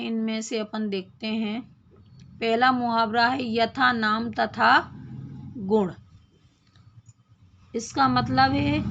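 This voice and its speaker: A woman teaching a grammar lesson, explaining slowly, repeating phrases and asking questions of her class. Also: fairly high pitch, fairly bright tone, dull audio, slight background noise.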